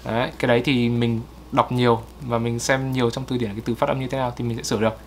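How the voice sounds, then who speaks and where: A man, co-hosting and correcting pronunciation in a casual way, repeating words slowly to model them. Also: mid-range voice, level tone, slight background noise.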